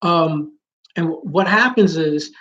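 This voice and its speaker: Speaking slowly over lo-fi sound, this vlogger has a naturally high voice and a loud delivery. He rambles through a casual live chat with viewers, often restarting and using fillers.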